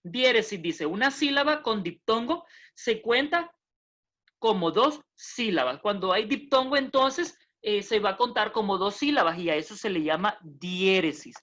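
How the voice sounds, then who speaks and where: In a recorded lesson on poetry meter, a woman teaches patiently and plodding, repeating points, correcting herself, and checking in with short tag questions. Her mid-range voice is animated, moderately paced, and a bit bright, while the recording sounds dull and lo-fi.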